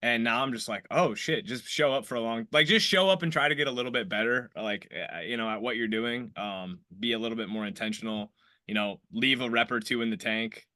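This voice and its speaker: A man's voice: medium pitch, fairly quick, sharp tone, no room sound, clean studio sound. A man in his thirties from Iowa hosting a casual podcast interview, rambling and swearing freely, with lots of restarts. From Iowa, United States. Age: 30s. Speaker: podcast host.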